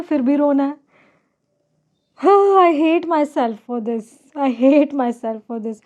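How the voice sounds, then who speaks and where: A young woman talks straight to the camera from her own bedroom, chatty and loose, dropping English phrases into her sentences. Her voice sits high, with a soft, mellow tone. The sound is a little dull and lo-fi. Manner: chatty, mixes English words into her talk. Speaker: vlogger. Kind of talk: casual chat to camera.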